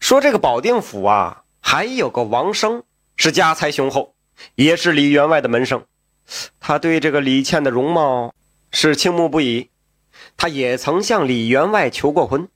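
A man narrating a traditional tale in an animated way, with asides to the listener. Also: fairly high pitch, moderate pace, no echo, clean studio sound. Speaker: storyteller.

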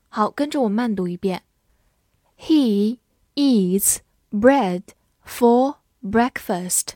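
Slow, deliberate woman teaching vocabulary. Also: a little high, dry recording, clean studio sound. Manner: spells words letter by letter, reads example sentences slowly for repetition. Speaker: English teacher. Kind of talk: vocabulary lesson.

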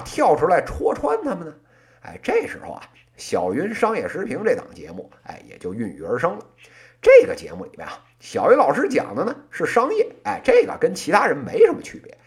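A podcast host in their late thirties with a Beijing accent, delivering a colloquial comic monologue in one-person crosstalk style, full of erhua and little interjections. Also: medium pitch. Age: late 30s. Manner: colloquial plain speech with erhua and frequent interjections.

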